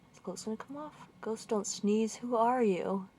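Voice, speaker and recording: A woman's voice: on the high side, normal speed, a little mellow, a little hiss or hum. A woman playing through a game walkthrough, thinking aloud and muttering confused questions as she goes. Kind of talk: casual gameplay commentary.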